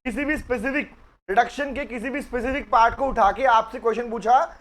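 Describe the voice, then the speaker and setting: A man's voice: extremely high pitch, fairly quick, fairly bright tone. A man teaching company law in a live online class, chatty and teasing with his students.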